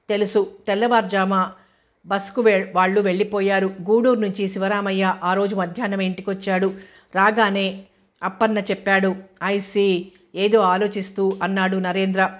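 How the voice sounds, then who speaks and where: A woman reads a novel aloud at a steady, even pace. Her voice is mid-pitched and flat, with little rise and fall. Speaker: audiobook narrator. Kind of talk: scripted novel narration.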